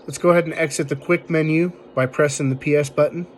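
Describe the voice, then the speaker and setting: A man's voice: a little high, fairly even intonation, fast, a little hiss or hum. A man hosting a casual tech tutorial, explaining things informally step by step. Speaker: video tutorial host.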